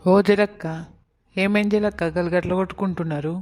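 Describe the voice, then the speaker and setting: A man's voice: sits high, steady tone, moderate pace, a little mellow, lightly acted. A man playing a cheeky young village lad. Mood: teasing. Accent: Telangana Telugu. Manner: teasing, cocky. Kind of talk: village comedy skit.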